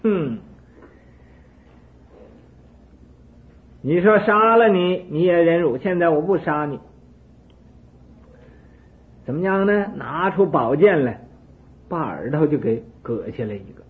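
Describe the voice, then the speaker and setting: A man voicing a jealous, hot-tempered ancient king who shouts his taunts, heard through a narrow phone-like recording. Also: mid-range voice, animated, fairly quick, few pauses, lightly acted. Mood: taunting.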